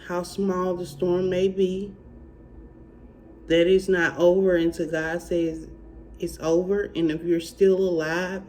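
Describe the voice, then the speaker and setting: A speaker from Alabama with a country Southern accent, talking slowly and haltingly in a personal faith testimony and encouragement vlog. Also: mid-range voice, darkish tone, a little hiss or hum. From Alabama, United States. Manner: slow, halting country drawl. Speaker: faith vlogger.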